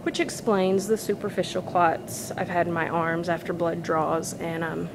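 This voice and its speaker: A woman's voice: fairly low pitch, level tone, normal speed, noisy background. A woman talking casually and chattily to camera while walking laps, sounding slightly tired. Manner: chatty, informal. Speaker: vlogger. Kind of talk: casual personal vlog talk. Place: walking laps, phone recording.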